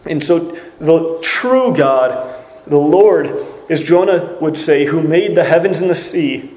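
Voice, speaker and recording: A man's voice: fairly high pitch, slow, a little mellow, roomy sound, poor audio. A man preaching a sermon, reading scripture and asking earnest rhetorical questions.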